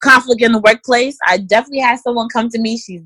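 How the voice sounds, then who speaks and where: A woman offers direct, emphatic career advice in a conversational interview, speaking straight to listeners and calling them guys and ladies. Her slightly high voice is quick, steady, and sharp, on a dry, low-quality recording.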